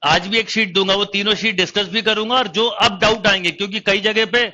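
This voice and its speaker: A man's voice: high-pitched, steady tone, fairly quick, sharp tone, muffled recording. A man teaching a math lesson online, explaining step by step and quizzing his students as he goes. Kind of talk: online exam-prep lecture.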